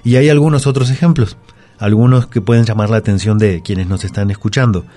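A man with a low, mellow voice explains spelling and grammar on a radio show. He is patient and methodical, building each point up with examples. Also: fairly quick. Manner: calm, patient, explains rules step by step with examples. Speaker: language expert guest.

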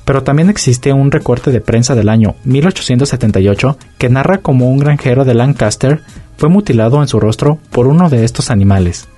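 A man's voice: mid-range voice, dark tone, faint music behind. A man reading a scripted informative radio segment. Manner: measured, informative. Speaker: radio narrator. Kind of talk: scripted narration.

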